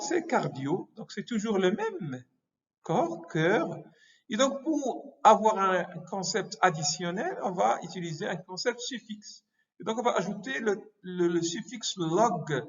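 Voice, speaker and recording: A man giving a medical lecture, halting often with hesitations and self-corrections. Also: sits high. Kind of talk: explanatory lecture. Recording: muffled lo-fi recording.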